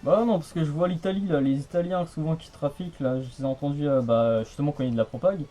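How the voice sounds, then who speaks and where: Over a noisy background, a young adult man with a fairly high voice chats casually on the radio at a quick pace. He's a radio hobbyist and channel host, and his casual radio-contact talk is rambling, repetitive and colloquial.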